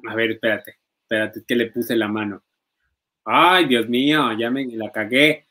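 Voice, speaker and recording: Male host, mid-pitched, playful, reads chat comments, jokes in clumsy English. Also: moderate pace, bright, forceful tone. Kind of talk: casual gossip chat.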